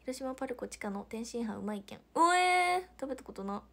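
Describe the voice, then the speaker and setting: A woman's voice: mid-range voice, steady tone, quick pace, creaky, darkish tone, slightly rough. A young woman from Hiroshima with a Hiroshima accent, chatting casually on a livestream, reading viewer comments aloud and laughing often. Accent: Hiroshima Japanese. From Hiroshima, Japan. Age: young adult. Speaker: idol livestreamer.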